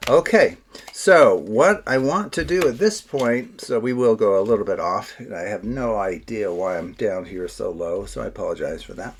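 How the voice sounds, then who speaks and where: A man's voice: fairly low pitch, expressive, normal speed, slight background noise. A man presenting in casual card magician patter, chatty and self-deprecating, talking as if to a participant. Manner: talks as if to a participant.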